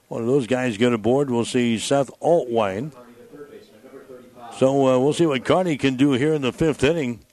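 Male sportscaster, medium pitch, calling a baseball game live for radio. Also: a little mellow, no echo. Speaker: baseball play-by-play announcer.

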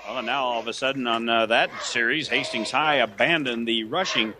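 An American man analyzes football plays live in folksy, colloquial language. His voice is bright and forceful, over clear outdoor background noise. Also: mid-range voice, brisk. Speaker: color commentator.

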